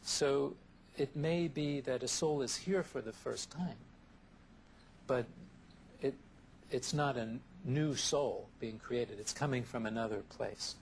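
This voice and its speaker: A man speaks in a thoughtful, measured way, often building lists of ideas one at a time. His voice has a gravelly creak. The sound comes from a worn VHS tape copy, with faint tape hiss underneath. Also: medium pitch. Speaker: interview guest, therapist. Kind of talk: reflective interview answers.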